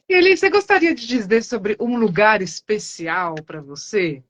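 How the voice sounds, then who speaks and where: A woman's voice: fairly high pitch, animated, slow pace, a bit bright, no room sound, muffled recording. A woman hosting an interview, encouraging with brief affirmations. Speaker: interview host. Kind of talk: casual conversation.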